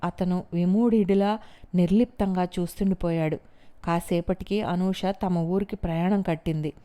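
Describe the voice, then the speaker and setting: A woman narrating a novel in an audiobook, steady and measured. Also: fairly low pitch, smooth.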